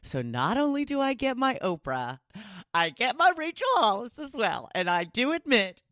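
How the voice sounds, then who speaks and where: Excitable woman podcast host, dry sound. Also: on the high side, moderate pace, no room sound. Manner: excitable, gushing, acts out quoted people. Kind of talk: casual solo podcast chat.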